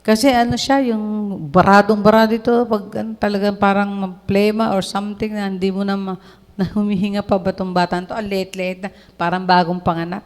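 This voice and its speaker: A woman in her sixties giving an animated testimony sermon, telling stories and laughing as she preaches. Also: mid-range voice, fairly quick, in a large hall. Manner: mixes Tagalog and English, animated storytelling with laughs.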